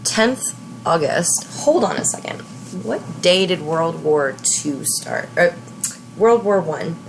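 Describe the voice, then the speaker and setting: A woman in her thirties hosting a let's play, giving casual, chatty game commentary in a relaxed way. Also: lowish voice, creaky, slight background noise, rough recording. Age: 30s. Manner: chatty, relaxed, slow talk.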